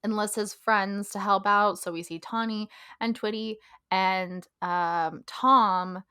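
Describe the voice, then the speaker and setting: A woman's voice: mid-range voice, fairly even intonation, takes it slowly, bright, forceful tone, clean tone, no room sound, studio quality. A young woman co-hosting a podcast in casual chat, talkative and laughing often, trailing off with ums. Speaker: podcast co-host.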